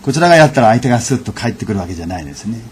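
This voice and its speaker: Male lecturer with a mid-range voice, measured storyteller with lots of fillers and lively intonation. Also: medium pitch, slight background noise. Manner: measured, unhurried delivery with frequent fillers.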